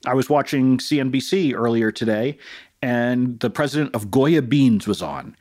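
A man co-hosting a business podcast in casual chat, with measured delivery and dry jokes. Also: medium pitch, animated, darkish tone, no room sound. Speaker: podcast co-host.

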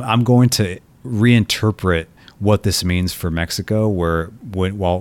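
A man from Colombia giving solo soccer commentary, thoughtful and prone to restarting his sentences. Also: low-pitched. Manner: thoughtful, frequent restarts and repeated words. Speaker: soccer writer and podcast host.

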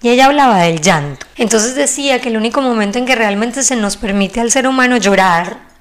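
A woman, a mother of three, chatting as host and reacting warmly to her guest with lively asides. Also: a little high, fairly quick. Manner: chatty and expressive, acts out quoted voices. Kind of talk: casual talk-show chat.

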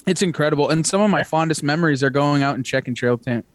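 A man hosts an outdoors podcast with a chatty, upbeat manner. His voice sits a little high for a man. The recording is dry and close, with no room sound. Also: quick pace, no echo. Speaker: podcast host. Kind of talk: casual interview chat.

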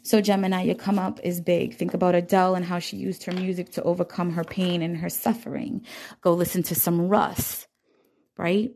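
A woman giving a casual, blunt zodiac reading, talking straight to the listener with lots of swearing and animated outbursts. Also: on the low side, normal speed, gravelly. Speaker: tarot reader.

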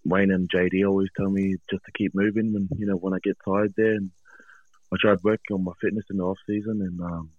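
Low-voiced Australian man on a muffled phone. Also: little pitch movement, fairly quick, no echo. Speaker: rugby league player. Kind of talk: casual radio interview. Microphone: phone call.

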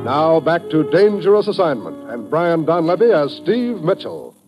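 A man with an American accent, a 1950s radio announcer reading a script in a formal, earnest, measured way. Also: a little high, big pitch swings, over loud music.

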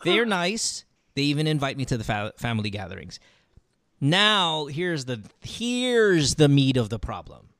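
A man's voice: fairly high pitch, big pitch swings, unhurried, a bit bright, no echo, studio quality. A man hosting a call-in advice show, blunt, impatient and heavy on profanity. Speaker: radio show host.

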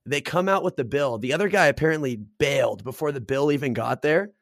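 A man with a medium-pitched voice talks a little fast on a dry, clean studio recording. He hosts a podcast and tells bar stories in casual chat, swearing freely and getting excitable as he goes.

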